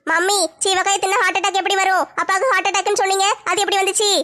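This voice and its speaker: Lady doing a squeaky bright little kid, innocent and whiny. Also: flat delivery, racing. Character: naive child talking to mother.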